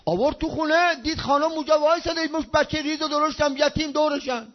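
High-voiced impassioned male preacher. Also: steady tone. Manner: impassioned, swinging between loud outbursts and hushed low tones. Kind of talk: religious sermon storytelling. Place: speaking over a loudspeaker in Qom. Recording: dull lo-fi recording.

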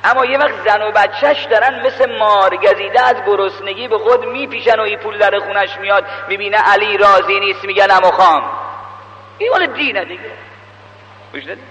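A high-voiced man preaching in a big echoing hall. He tells the story as a chain of quoted back-and-forths and turns to urge his listeners directly. The lo-fi recording sounds dull and has a faint hum behind it. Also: sharp tone. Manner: retells dialogue with many "he said" turns. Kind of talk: sermon storytelling.

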